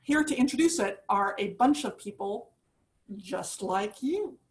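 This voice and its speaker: A woman minister giving a sermon in a lively, chatty and enthusiastic way. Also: medium pitch, a little slow.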